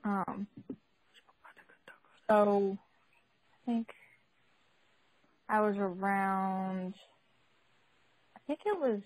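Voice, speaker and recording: A woman's voice: medium pitch, fairly even intonation, drawn-out words, pauses often, a little mellow, dry recording, poor audio. A young woman calling in over the phone to share a testimony, chatty and giggly, with lots of fillers and restarts. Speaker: caller sharing a testimony. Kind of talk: casual spoken testimony.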